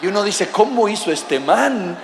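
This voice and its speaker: A man preaching a sermon, animated, sometimes shouting and joking with the congregation. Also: sits high, moderate pace, creaky, background noise. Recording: echoey hall with long reverb.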